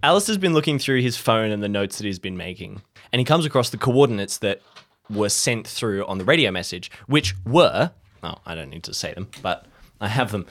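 A man talks as a player at an improvised tabletop game in a chatty, animated way. His voice is bright and his pitch rises and falls freely. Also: brisk. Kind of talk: improvised tabletop play, out of character.

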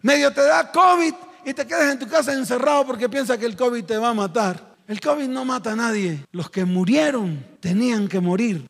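Pastor preaching loud and emphatic, very high voice, echoey church. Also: male voice, vocal fry. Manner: emphatic call-and-response preaching. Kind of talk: sermon.

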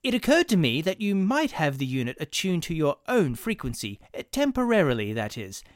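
A man's voice: on the high side, wildly swooping pitch, fairly quick, no room sound, studio quality, voice pushed up. A man doing a fawning, eager clerk. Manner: eager, pleading, hesitant.

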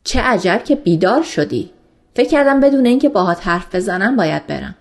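A woman reading the lines of a calm, gentle male doctor in love, in a soft and reassuring manner, for an audiobook. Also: medium pitch, lightly acted.

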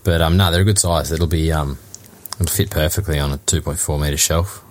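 An Australian podcast co-host with a rumbling low voice and steady tone talks briskly about his projects. The chat is easygoing and plain-spoken, held casually over a remote call.

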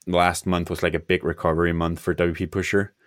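A man with a low voice talks casually in a close, dry recording. He sounds tired and hesitant, pausing and restarting as he thinks aloud. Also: little pitch movement, no echo. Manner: hesitant, halting, trailing off. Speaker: software founder on a podcast. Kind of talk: casual conversational talk.

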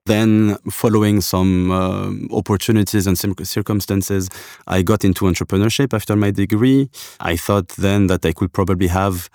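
A man from Algeria, a guest on a podcast interview, who answers thoughtfully with many pauses and restarts. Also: sits low, steady tone, a little mellow, dry recording, clean studio sound. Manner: thoughtful, hesitant with frequent restarts.

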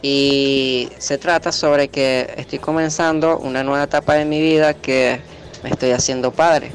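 A man's voice: medium pitch, steady tone, measured pace, faint music behind. A man in his twenties with a Venezuelan accent, a caller leaving an earnest, hesitant voice message for a radio show. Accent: Venezuelan Spanish. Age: 20s. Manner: earnest, hesitant, with fillers and soft laughs.

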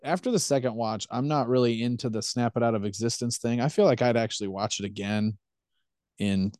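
A man's voice: mid-range voice, fairly even intonation, a little fast, darkish tone, no room sound, studio quality. Hesitant man in casual chat. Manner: hesitant, hedging. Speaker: podcast guest.

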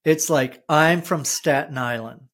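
A podcast host speaks slowly in relaxed conversation, often pausing and restarting thoughts. The pitch is middling and the talk unhurried. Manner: hesitant, many fillers and restarts. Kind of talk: casual conversation.

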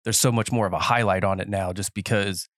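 A man's voice: fairly low pitch, fairly even intonation, fast talker, fairly bright tone, no echo, studio quality. A man in his thirties hosting a casual podcast interview, a little nasal and congested, rambling and joking as he talks. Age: 30s. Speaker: podcast host. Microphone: headphones and podcast mic.

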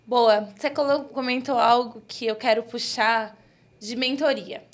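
A woman leads the interview in a relaxed, conversational manner. She often tacks quick tag questions onto her sentences. Her voice sits a little higher than average. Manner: conversational, frequent "né?" tags. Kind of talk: casual interview talk.

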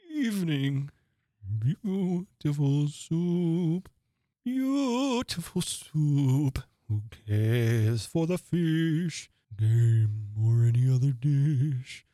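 A reader voicing a sorrowful old mock turtle in a storybook reading, speaking and singing in a slow, mournful, drawn-out way. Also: medium pitch, warm tone, dry recording, pitched above the performer's own voice.

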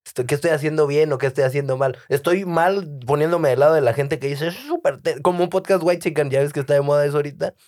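A man's voice: a little high, fast talker, hardly any pauses, a little mellow. A man co-hosting a comedic podcast, telling stories in slangy casual chat and laughing often. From Baja California, Mexico. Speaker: podcast co-host.

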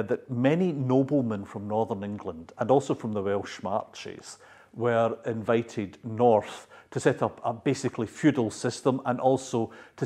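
A man giving measured, academic explanations, as an expert interviewed for a documentary. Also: mid-range voice, a little mellow. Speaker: expert commentator on language history. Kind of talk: unscripted explanatory interview talk.

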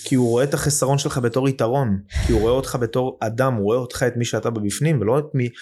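A man at an ordinary pitch, talking as a podcast guest in a casual conversation. He is earnest and emphatic, working through his thoughts aloud with lots of fillers and restarts. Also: steady tone, darkish tone.

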